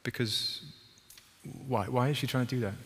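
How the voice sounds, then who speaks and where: A man's voice: mid-range voice, fairly even intonation, normal speed, a bit bright, slightly rough. Man, preacher, sermon, chatty, asks the congregation questions, long church reverb. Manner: conversational, asks the congregation questions, acts out scenes.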